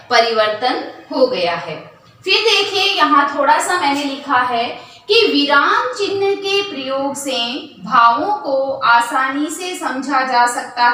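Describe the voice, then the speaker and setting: A woman's voice: high voice, bright, forceful tone. A woman teaching a lesson, asking questions and then answering them herself. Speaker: Hindi teacher. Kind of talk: classroom lesson. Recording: echoey room from far off, faint hiss.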